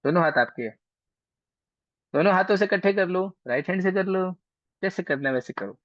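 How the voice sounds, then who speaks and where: A man's voice: high-pitched, lively intonation, brisk, a bit bright, no echo. A man teaching an online astrology class in a casual, chatty way, coaxing and teasing his students, heard over a video call. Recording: dry, dull lo-fi call audio.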